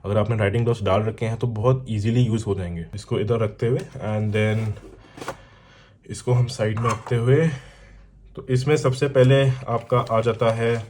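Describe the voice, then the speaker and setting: The recording carries a little hiss or hum behind a man's mid-range, darkish voice and Indian accent. He's a motorcycle vlogger and product reviewer giving a casual unboxing in mixed Hindi and English, speaking directly to viewers and explaining with examples and check-ins.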